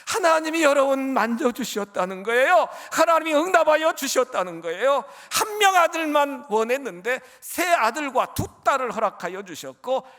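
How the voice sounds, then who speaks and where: Male preacher, high and very animated, fervent delivery that jumps from shouting to whispering. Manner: impassioned, swinging from shouts to whispers; keeps addressing the congregation. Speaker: pastor. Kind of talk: sermon.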